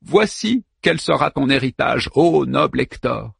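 A man voicing a desperate young princess who pleads with her warrior husband in a high, strained voice. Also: very animated, moderate pace, vocal fry, breathy edge, dry recording, clean studio sound, exaggerated voice. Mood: bitter. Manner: pleading then fierce and bitter.

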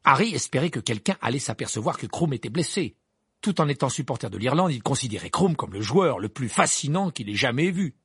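A man narrating a storybook aloud, his reading lively and full of swoops in pitch. His voice sits slightly high and has a gravelly, husky grain, recorded close and dry. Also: a little fast, no room sound. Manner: expressive, animated reading. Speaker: audiobook narrator. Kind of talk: scripted narration.

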